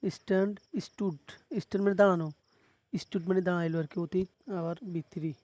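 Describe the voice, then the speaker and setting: Bangladeshi guy teaching a class, high voice, pretty flat, says each word a few times. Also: no echo. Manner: repeats each word slowly, explains meanings plainly. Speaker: English teacher. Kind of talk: classroom lesson on verb forms.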